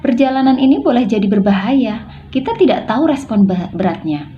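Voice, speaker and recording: Woman reading a defiant young man from a novel, raised lively voice, dull recording with faint music. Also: a little high, brisk, slight background noise, voice pushed up, close to an everyday voice. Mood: arguing.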